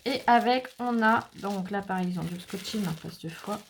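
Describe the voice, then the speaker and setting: French lady doing a craft unboxing, chatty and excited, talks right to the viewers. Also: medium pitch, normal speed, slight background noise. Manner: chatty, enthusiastic, addresses viewers directly. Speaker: craft vlogger. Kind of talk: casual unboxing chat.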